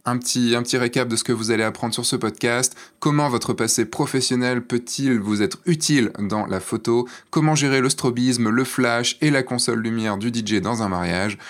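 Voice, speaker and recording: Male podcast host, mid-pitched, chatty and teasing. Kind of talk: podcast interview intro.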